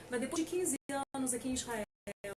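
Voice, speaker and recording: A woman's voice: high voice, fast talker, distant mic, noisy background. A middle-aged Brazilian woman lawyer giving an informal talk, hesitant with many fillers and emphatic on key points. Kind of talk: informal lecture.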